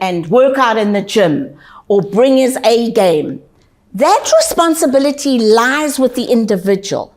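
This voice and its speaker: A woman giving a motivational webinar talk. She speaks emphatically and repeats key lines slowly for effect. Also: a little high. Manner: emphatic, slow deliberate repetition for effect. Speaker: wellness webinar presenter.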